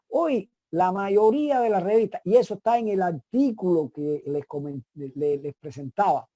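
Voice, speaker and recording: A woman giving an online course lecture, explaining step by step with frequent restarts and pauses. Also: low-pitched, warm tone, no room sound, studio quality.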